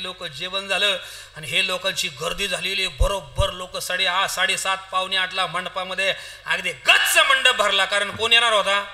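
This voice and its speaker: A man with a high, ringing, very bright voice delivers a comic kirtan sermon. He tells the story with energy, slips into each character's lines, and turns to the audience with questions. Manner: animated storyteller, acts out characters' lines, addresses audience directly. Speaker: kirtan preacher.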